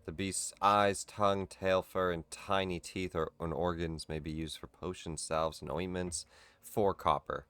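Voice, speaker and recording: A man's voice: low-pitched, fairly even intonation, measured pace, a bit bright, no room sound. A man narrating as game master, loose and rambling, correcting himself as he goes.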